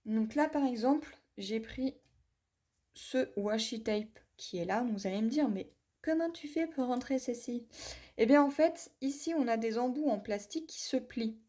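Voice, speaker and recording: A woman's voice: on the high side, moderate pace, dark tone. A woman reviewing a craft tool in a hands-on demonstration, talking viewers through each step and apologizing for her English pronunciation. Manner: chatty, talks viewers through each step with many "voilà" and "hop".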